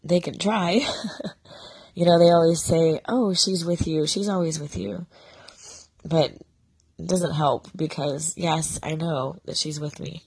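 Casting: middle-aged female vlogger with a lost, sore-throated voice, raspy whisper, low and gravelly, halting and heartfelt in confession. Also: fairly even intonation, darkish tone, no echo. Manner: halting, subdued, sincere. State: sick with sore throat, voice almost gone. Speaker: vlogger addressing followers. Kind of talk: confessional casual monologue.

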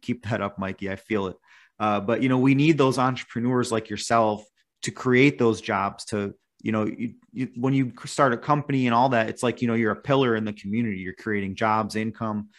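A man hosting a podcast conversation, affirming his guest with frequent agreeing interjections. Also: on the low side. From United States. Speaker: podcast host.

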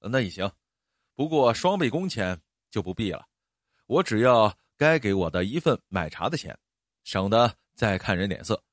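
A man's voice: lowish voice, big pitch swings, normal speed, no echo, clean studio sound. A man doing a touchy, prideful drifter. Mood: grudging. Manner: sulky, cold and clipped.

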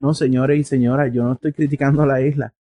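A man's voice: mid-range voice, flat delivery, fast, mellow, dry recording. A man from Puerto Rico with a Puerto Rican Spanish accent, an interview guest talking in a casual, earnest, explanatory way and thinking aloud. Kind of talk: casual conversation. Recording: dry, slightly muffled recording.

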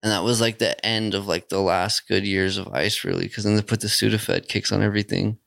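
A man's voice: on the low side, little pitch movement, fairly quick, vocal fry, a bit bright, dry recording, studio quality. A man chatting casually with friends in blunt, slangy talk full of dude. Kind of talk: casual group chat.

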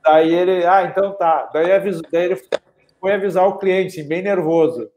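A man's voice: high-pitched, moderate pace, mellow, slight background noise. A man, chatting casually as an online business consultant and telling stories with acted-out quotes. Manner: storytelling with acted quotes, frequent "né". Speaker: e-commerce consultant. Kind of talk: casual chat.

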